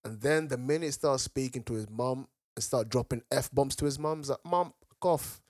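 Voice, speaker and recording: A young man with an urban London roadman accent, telling stories in casual, slangy banter with animated reactions and repeated phrases. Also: mid-range voice, fairly quick, no room sound, studio quality. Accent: London, urban roadman slang style. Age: young adult.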